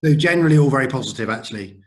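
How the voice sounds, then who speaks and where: A man's voice: medium pitch, animated, very fast. A man hosting a property meetup, chatting casually and praising his guests in an upbeat way. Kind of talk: casual online meetup chat.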